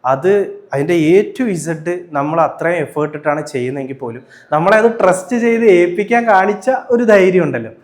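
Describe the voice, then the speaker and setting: A man with a Malayali accent presenting a home tour and demonstrating furniture in a sales-pitch manner. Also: animated, fairly quick. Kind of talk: product demo and home tour.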